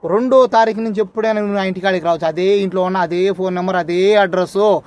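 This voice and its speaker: A man's voice: sits high, steady tone, fast, a little mellow. A man, speaking for a wronged man and confronting an official with pointed, repeated questions. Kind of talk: impassioned address to a camera.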